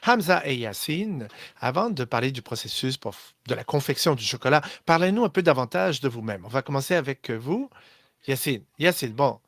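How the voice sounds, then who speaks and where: A man's voice: mid-range voice, animated, normal speed, fairly bright tone, no echo, studio quality. A man hosting a live online class, upbeat and welcoming, with hesitant restarts. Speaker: host.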